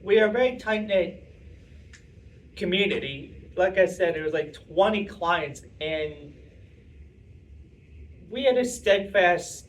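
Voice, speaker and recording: Chatty young man, slightly high voice. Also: lively intonation, slow, pauses often. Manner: chatty, rambling, self-interrupting with fillers. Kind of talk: casual talk answering audience questions. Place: meeting room with audience. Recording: distant voice with faint room noise.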